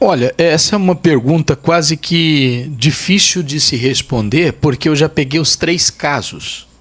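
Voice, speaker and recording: A man's voice: a little high, unhurried, fairly bright tone. A man, a pastor and podcast guest, telling a testimony in vivid detail, emphatic and repeating phrases for weight. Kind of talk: testimony storytelling in a podcast interview.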